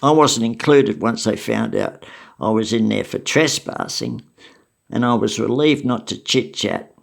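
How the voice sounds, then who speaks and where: Older Aussie male storyteller, gravelly voice, wry and matter-of-fact. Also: fairly low pitch, unhurried. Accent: Australian. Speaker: storyteller recounting memories. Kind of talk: casual spoken memoir.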